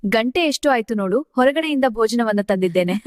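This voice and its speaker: A woman's voice: fairly high pitch, a little mellow, no room sound, studio quality, close to an everyday voice. A synthetic woman's voice playing a mother and older sister in an AI-generated horror drama, often calling out anxiously. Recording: faint music behind.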